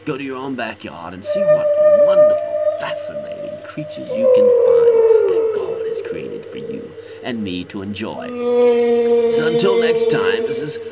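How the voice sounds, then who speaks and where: A man's voice: fairly high pitch, wildly swooping pitch, unhurried, over loud music. A man presenting a children's nature lesson in a theatrical host manner, with quaint turns of phrase. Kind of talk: children's educational narration. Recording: loud background noise.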